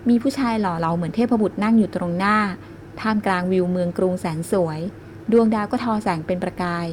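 A woman reading a first-person romance novel aloud in a gentle, even storytelling voice. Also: medium pitch, slight background noise. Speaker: audiobook narrator.

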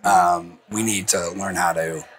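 A man who owns a salon, chatting emphatically as a guest on an interview podcast. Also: unhurried. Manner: emphatic, animated, lively pitch swings. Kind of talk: casual interview chat.

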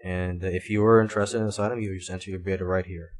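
A man with a low-pitched voice explains things as a tutorial instructor. He speaks haltingly, often doubling back to repeat a word or restart a phrase. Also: fairly even intonation. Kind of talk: screencast tutorial narration, explanatory. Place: voice-over recorded for a screen recording.

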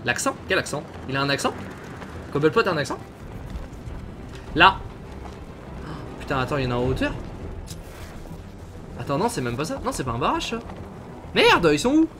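A man's voice: fairly high pitch, sing-song, moderate pace, long pauses, noisy background. A man from France commentating his gameplay, chatting and swearing at his viewers. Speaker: gaming streamer. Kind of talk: let's play commentary. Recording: game sound mixed behind voice.

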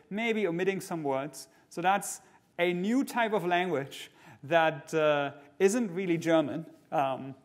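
A middle-aged man giving a keynote lecture on a large conference stage, explaining things in a measured way with fillers and restarts. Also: fairly high pitch. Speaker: keynote speaker.

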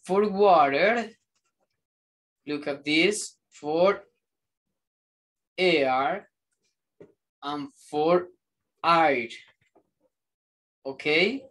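A man teaching an English class, explaining slowly and rambling with many fillers and restarts. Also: fairly high pitch, a bit bright.

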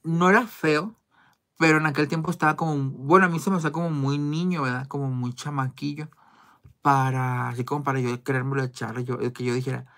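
A woman's voice: very deep voice, steady tone, brisk, a bit bright. A woman telling gossip stories in a chatty, candid way, using crude slang and many fillers. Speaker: vlogger. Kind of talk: casual gossip storytelling.

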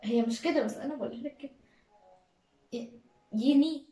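A woman's voice: a little high, racing, mellow, echoey room, recorded from a distance, soft background music, rough recording. A woman with an Egyptian accent chats casually during a game, prompting her partner by repeating words and syllables. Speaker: partner giving words in a guessing challenge.

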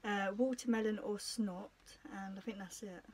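A woman's voice: mid-range voice, steady tone, moderate pace, crowd noise. A young British woman hosting a challenge video, chatting casually and giggly with friends in front of a camera. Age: young adult. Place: small domestic room, indoors.

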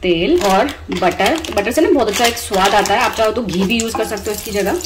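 With a mid-range voice and a slightly fast pace, this cooking vlogger and host, a woman in her thirties with an Indian accent, talks casually through her voice-over. English words come mixed in, and kitchen sizzling is clearly heard.

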